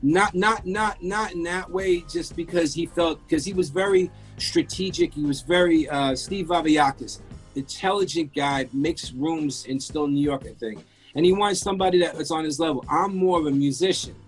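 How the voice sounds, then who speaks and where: Here the interview guest, a French-born man in his fifties and a music engineer, has a voice on the high side and a moderate pace. Faint music sits under his candid, rambling career story, which is full of restarts.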